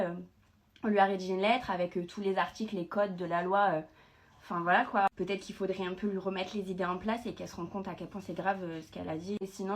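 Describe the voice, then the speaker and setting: Emotional young woman telling a story. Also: mid-range voice. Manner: emotional and indignant, with many fillers. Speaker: storytime vlogger. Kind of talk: casual storytime monologue.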